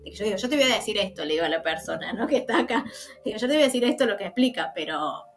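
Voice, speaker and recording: A woman's voice: mid-range voice, animated, racing. An Argentine woman, a guest medium in a casual interview, telling stories animatedly and acting out the voices of the people she quotes, laughing now and then. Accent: Argentine Spanish.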